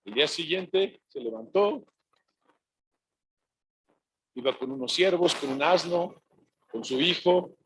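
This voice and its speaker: A male pastor from Mexico preaches a sermon in a church sanctuary, often asking the congregation "yes or no?" and retelling scenes in quoted voices. His voice is on the high side and expressive, at normal speed, in a low-quality recording with slight background noise.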